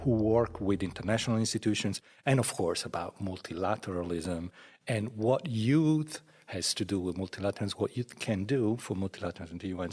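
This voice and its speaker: A man hosting a studio conversation with interns, relaxed and welcoming. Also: fairly low pitch, slightly rough. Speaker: host, library director. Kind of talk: podcast interview.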